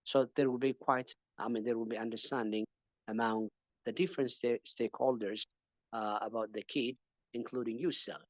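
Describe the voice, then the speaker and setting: Man, webinar panelist, halting with fillers, dry dull video-call sound. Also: mid-range voice, fairly even intonation, dry recording. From Ethiopia. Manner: hesitant, many fillers and repeated words. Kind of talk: answering questions in an online webinar.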